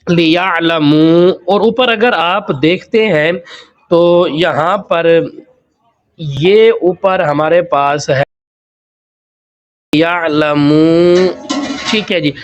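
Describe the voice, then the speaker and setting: A man teaching Quran recitation word by word, spelling each word letter by letter and drawing the sounds out slowly. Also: high-pitched, dull audio. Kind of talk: word-by-word tajweed lesson.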